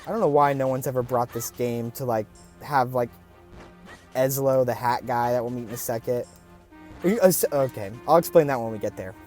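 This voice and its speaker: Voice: medium pitch, brisk, a little mellow. Rambly gamer chatting over a playthrough, lots of "like", faint game music behind. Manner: rambling and chatty, many fillers. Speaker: let's play host. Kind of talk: casual let's play commentary.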